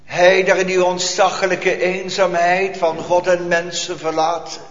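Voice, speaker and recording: Man, pastor, solemn sermon, slow measured delivery, dull lo-fi recording in a reverberant church. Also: sits high, completely flat delivery, a bit bright. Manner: solemn preaching with rhetorical questions and long pauses. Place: church hall. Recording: echoey church hall, dull lo-fi.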